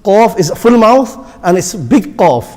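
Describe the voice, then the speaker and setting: A man's voice: high voice, very animated, a little slow, a little mellow, long reverb tail. A male instructor teaching pronunciation for the call to prayer, patient and repetitive, demonstrating each sound. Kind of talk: classroom instruction. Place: mosque hall.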